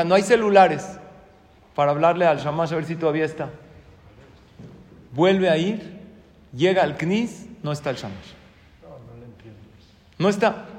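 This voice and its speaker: Rabbi preaching in a reverberant hall. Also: male voice, on the high side. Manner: lively storyteller, acts out voices. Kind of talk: sermon with storytelling.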